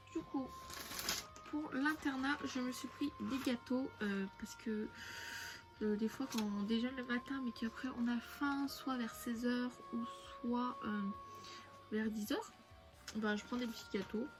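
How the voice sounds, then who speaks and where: A young woman from France chatting casually through a shopping haul, rambling with many fillers and restarts. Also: a little high. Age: young adult. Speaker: beauty vlogger. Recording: music playing behind.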